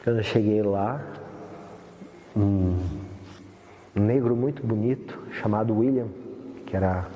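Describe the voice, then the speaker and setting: A man's voice: fairly low pitch, a little slow, long pauses, dull audio, slight background noise. Man, documentary testimony, rambling and heartfelt, faint background ambience, long reverb. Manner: rambling heartfelt storytelling with many fillers. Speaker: documentary interviewee. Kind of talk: personal testimony. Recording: roomy echoey hall with faint ambience.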